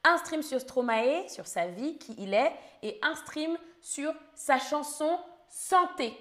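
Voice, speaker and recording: A woman hosting a live-streamed language lesson, her voice a touch hoarse. She speaks in a somewhat high register at an unhurried, deliberate pace. She spells words out letter by letter for her learners. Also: animated, fairly bright tone. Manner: slow, carefully articulated, spells words letter by letter. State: slightly hoarse voice. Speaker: French teacher for learners.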